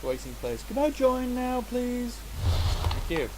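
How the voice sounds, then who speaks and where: A gaming channel host chats casually through the game he's playing, talkative and self-mocking, his voice stuffy from a cold. It's very high-pitched and very animated yet unhurried, with background noise.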